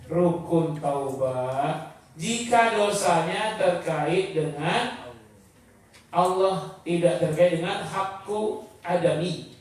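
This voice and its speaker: High-voiced preacher in an echoey room. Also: male voice, recorded from a distance, a little hiss or hum. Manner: chants Arabic phrases, then explains them in everyday speech; acts out the repentant sinner's prayers with rising emotion. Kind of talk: online Islamic study sermon.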